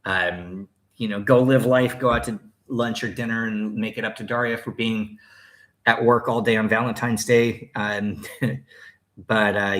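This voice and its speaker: A mid-range, fairly bright voice belongs to a man in his thirties running a casual livestream at home in Thailand. He rambles through viewer questions, filling his speech with fillers and restarts.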